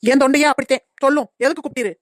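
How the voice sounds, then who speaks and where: A woman's voice: sits high, racing, no echo, studio quality, lightly acted. A woman doing a sarcastic young daughter-in-law. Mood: snappy. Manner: grumbling, sarcastic. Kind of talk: cartoon comedy voice acting.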